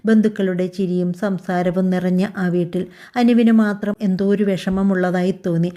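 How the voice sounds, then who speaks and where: A woman tells a scripted story in a calm, even way. Her voice sits low and sounds mellow and soft. She reads every part in that same steady narrating voice. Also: moderate pace. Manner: calm, even storytelling voice that also reads all the characters' lines.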